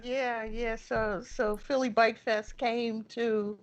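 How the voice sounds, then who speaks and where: A woman guest, an event organizer, speaking slowly and haltingly in a casual interview over a remote call. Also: on the high side, flat delivery, lo-fi sound. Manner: slow, halting, with fillers.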